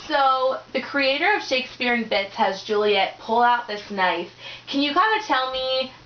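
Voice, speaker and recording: A woman's voice: high-pitched, lively intonation, normal speed. A young woman tutoring, chatty and encouraging, with many likes and ums. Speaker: tutor leading a discussion. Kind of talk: casual teaching conversation. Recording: roomy dull lo-fi recording.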